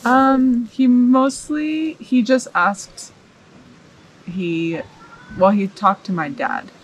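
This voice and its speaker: A young American woman, seated in a mid shot and recorded on a camera mic outdoors in a rural yard, reflectively tells her story in a casual interview chat. Her voice is on the high side with fairly even intonation and drawn-out words, and she searches for words as she goes. The audio quality is poor.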